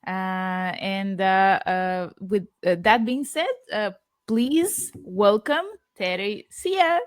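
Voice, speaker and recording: A woman's voice: medium pitch, slow, dry recording, clean studio sound. A woman co-hosting a podcast interview, speaking hesitantly with many fillers. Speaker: podcast co-host.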